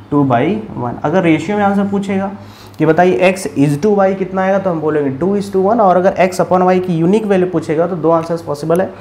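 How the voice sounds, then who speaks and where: A man's voice: fairly high pitch, darkish tone, slight background noise. Indian man teaching math step by step. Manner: step-by-step, asks questions and answers them himself. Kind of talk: explaining a math problem, mixing Hindi and English.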